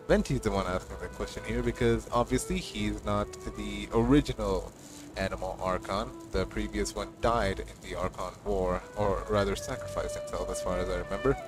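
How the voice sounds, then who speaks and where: A man streaming and chatting casually about game lore, rambling with lots of fillers and stammered restarts. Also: lowish voice. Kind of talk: casual livestream chat. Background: game music.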